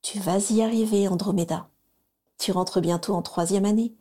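A woman voicing a cheerful, affectionate mother who gently coaxes her children in a storybook reading. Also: medium pitch, fairly even intonation, normal speed, lightly acted. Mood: cheerful coaxing.

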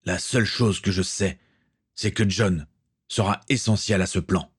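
Man doing a steady, commanding ship captain. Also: deep voice, measured pace, slightly rough. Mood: serious.

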